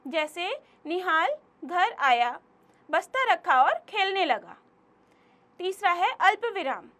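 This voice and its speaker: A young woman with a very high voice teaches a grammar lesson to children. She speaks to them directly and slows down to read each example sentence aloud. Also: a bit bright.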